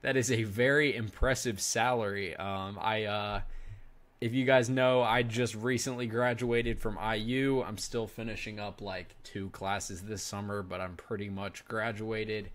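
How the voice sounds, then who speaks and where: A man in his twenties hosts a finance video, giving casual reaction commentary and frequently addressing his viewers as "guys." His voice is lowish and steady with a fairly bright tone, and he speaks a little slowly.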